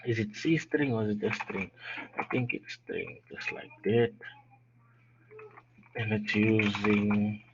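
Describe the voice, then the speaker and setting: A man's voice: lowish voice, takes it slowly, pauses often. A man tutoring a live coding lesson while unwell, yawning, thinking aloud as he types, stumbling and restarting. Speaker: programming tutor. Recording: dull lo-fi audio with steady noise.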